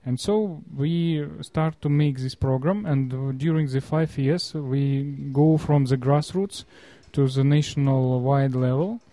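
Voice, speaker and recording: A man from Russia with a Russian accent, explaining in an interview in halting non-fluent English, often searching for words. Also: mid-range voice, dark tone, dry recording.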